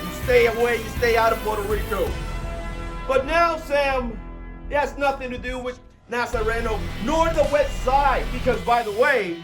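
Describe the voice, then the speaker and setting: High-pitched male wrestler, confrontational promo over music. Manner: confrontational, emphatic. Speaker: professional wrestler, tag team partner. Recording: loud music behind the voice.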